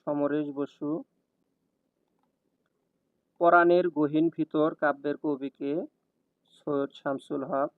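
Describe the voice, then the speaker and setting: A man with a fairly high voice reads exam questions and their answers in a steady, measured cadence. The sound is thin and phone-like, with a dry, close feel and no room around it. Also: dry recording. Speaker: exam prep tutor. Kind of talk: scripted question-and-answer reading.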